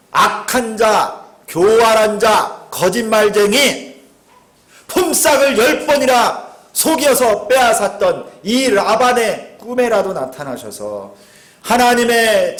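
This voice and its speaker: Man preaching in church, keeps asking the crowd questions, acts out the quotes louder, echoey room. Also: sits high. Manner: lively preaching, asks the congregation questions; acts out quoted lines with raised voice. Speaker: pastor. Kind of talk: Wednesday service sermon. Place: church sanctuary.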